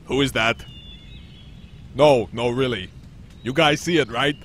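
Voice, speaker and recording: A man's voice: mid-range voice, a little slow, a bit bright, slight background noise, natural voice. A man playing a grumpy, weary, reluctant cartoon unicorn, sarcastic and hesitant, with an exasperated delivery. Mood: uneasy, annoyed. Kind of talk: deadpan web cartoon acting.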